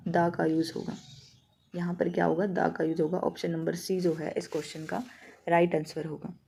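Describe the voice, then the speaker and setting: A woman with a Haryanvi Hindi accent teaching an exam-prep grammar lesson. Her voice is mellow and sits slightly low. She poses questions and answers them herself, and she slows down to read out example sentences. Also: level tone, gravelly, husky. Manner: reads example sentences slowly.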